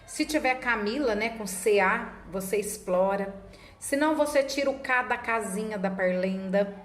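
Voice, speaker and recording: A woman literacy teacher explaining classroom methods to other teachers, sometimes acting out how she chants words with children. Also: mid-range voice. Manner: demonstrates classroom chanting, slow and deliberate. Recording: echoey room with faint ambience.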